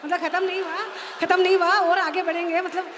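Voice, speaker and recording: A middle-aged woman in the audience asks a halting, eager question, and her voice booms back with strong echo from the hall's speakers. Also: little pitch movement, crowd noise. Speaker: audience member asking a question. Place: large hall at a live seminar. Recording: echoey hall with faint ambient noise.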